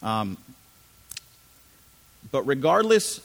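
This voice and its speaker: A man's voice: medium pitch, big pitch swings, drawn-out words, creaky, fairly bright tone. Middle-aged male pastor, conversational sermon, asks the room questions, long reverb of a church hall. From Chile. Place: church sanctuary.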